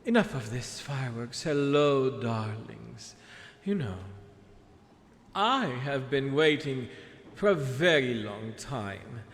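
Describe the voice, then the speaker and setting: A man's voice: medium pitch, expressive, slow pace, fairly bright tone, voice pushed down. A man voicing a vain, self-pitying sea witch in a live stage show, grand and theatrical, calling the audience darlings. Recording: echoey hall with faint background noise.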